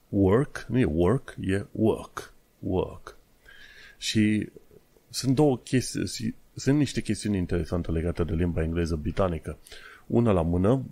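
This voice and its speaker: Deep-voiced podcast host. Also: male voice, warm tone, no echo. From Romania. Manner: explains pronunciation, drawing out and repeating words. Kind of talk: casual podcast monologue.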